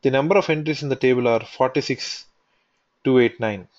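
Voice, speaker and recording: A man talks through a software tutorial at a middling pitch, restating each point step by step. The recording is dull and lo-fi, with faint clicking behind him. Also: fairly quick. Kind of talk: screen-recorded technical walkthrough.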